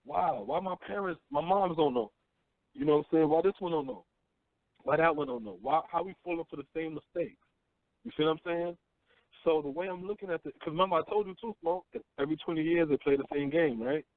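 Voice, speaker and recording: A man's voice: on the high side, brisk, no room sound. Profane man ranting on phone-line radio. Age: 30s. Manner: blunt, profane, preachy, keeps asking "you know what I'm saying". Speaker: radio host. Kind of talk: casual call-in radio talk. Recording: tinny phone-line audio.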